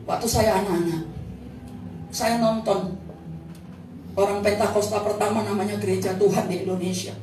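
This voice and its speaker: A woman preaching a sermon, animated and full of stories, at times breaking into shouts. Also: medium pitch, normal speed, pauses often, a little hiss or hum. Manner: animated, storytelling, bursts into shouting. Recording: echoey hall, far from mic.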